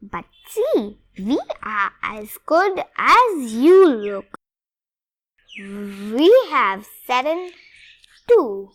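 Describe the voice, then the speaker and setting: As a read-along presenter, a young girl reads a rhyming children's book aloud in a high, lively voice. She moves very slowly in short phrases, word by word, with expressive, deliberate delivery.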